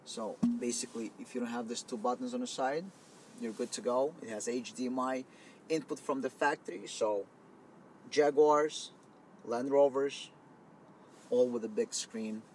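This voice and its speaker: A man's voice: mid-range voice, a little slow, pauses often. A man giving a loose, conversational product demo inside a car, explaining as he goes, recorded on a camera mic. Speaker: product demonstrator. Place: inside a car, partly outdoors in wind. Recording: faint wind noise on camera mic.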